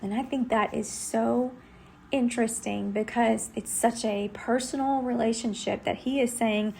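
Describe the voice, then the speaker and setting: A woman's voice: fairly high pitch, fairly even intonation, measured pace, vocal fry, darkish tone, slight background noise. A middle-aged woman from Texas, giving an earnest, conversational devotional Bible teaching.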